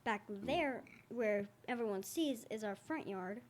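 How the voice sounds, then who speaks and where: A woman's voice: on the high side, lively intonation, unhurried, slight background noise. A teenage daughter chatting casually as co-host, giggly and easily losing her train of thought. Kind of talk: casual chat.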